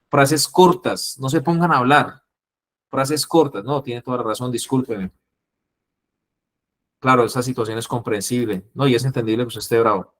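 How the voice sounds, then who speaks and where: A man with a Colombian accent teaching an interviewing class, acting out the calm phrases he wants students to use. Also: medium pitch. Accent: Colombian Spanish. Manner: lively, acts out calming phrases. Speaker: instructor.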